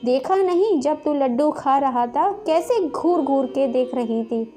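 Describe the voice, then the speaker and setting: A woman doing a shrill, taunting stepmother. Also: unhurried, soft background music. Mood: scolding. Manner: sharp, taunting, shouts names. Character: harsh scolding village stepmother, woman.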